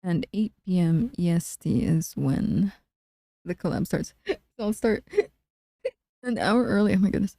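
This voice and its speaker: A woman streamer chatting casually with her live chat in a soft, low-key way. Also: lively intonation, a little slow, vocal fry, pauses often, no room sound, clean studio sound.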